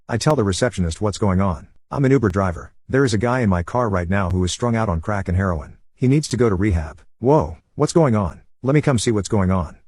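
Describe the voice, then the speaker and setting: Fast, husky male story narrator. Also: lowish voice, darkish tone, dry recording.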